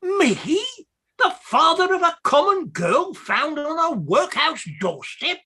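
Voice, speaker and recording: An actor in a comic radio play voices an indignant male clerk in full character, his voice high-pitched, husky, and a little slow. The clerk is outraged, excitable, and servile, fawning over his betters with melodramatic exclamations.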